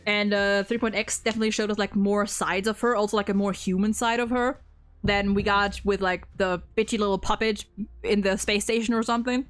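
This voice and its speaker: Over background music, a young woman who streams games and hosts discussions talks about a game's story as a fan. Her mid-range voice is smooth and brisk with a flat delivery, though her speech is enthusiastic, informal, and full of "like".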